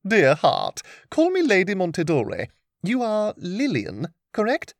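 A man's voice: high-pitched, huge pitch swings, unhurried, no echo, clean studio sound, voice pushed up, exaggerated voice. A man reading aloud voices a kind, gracious noblewoman, raising his voice well up.

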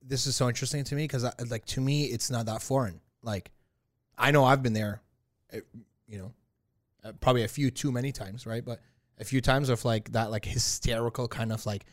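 A man's voice: mid-range voice, steady tone, fairly quick, no echo, clean studio sound. A man co-hosting a podcast, telling a story in loose slang and laughing often. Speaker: podcast co-host. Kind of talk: casual chat.

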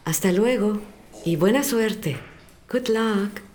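A woman's voice: medium pitch, lightly acted. An actress playing a friendly, encouraging female Spanish professor in a scripted audio drama. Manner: encouraging, slow and lively.

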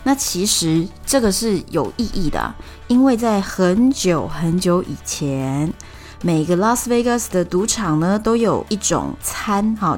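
A woman podcast host with a Taiwanese Mandarin accent tells a story in a relaxed, chatty way. Her voice sits a little low, and she explains each point patiently, stretching out her sentence particles. Soft music plays faintly underneath.

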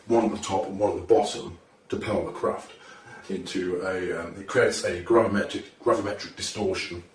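A man speaking through a voice-disguising effect that pitches him deeper, talking in a halting, hesitant way. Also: darkish tone. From Britain. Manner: halting, hesitant delivery with frequent pauses and fillers. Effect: voice disguised deeper by a pitch-shifting effect. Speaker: self-proclaimed time traveller in an online video. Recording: roomy, distant recording with faint background noise.

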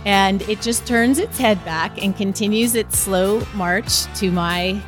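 A woman telling a personal story in a casual, animated way, with vivid retelling. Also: mid-range voice, slow, over music. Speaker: storyteller guest.

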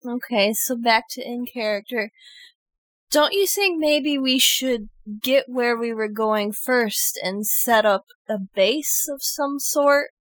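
Woman, tabletop player, high voice, slow, measured, dry. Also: fairly bright tone, no echo. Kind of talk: casual tabletop play.

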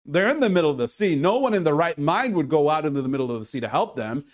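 Man, pastor, sermon, high lively voice, unhurried. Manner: earnest, conversational preaching with sudden loud calls.

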